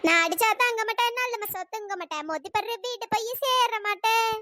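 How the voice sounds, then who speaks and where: A woman voicing a bossy, sharp-tongued old wife in a cartoon who taunts and threatens her husband. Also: extremely high pitch, brisk, no echo. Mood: gloating.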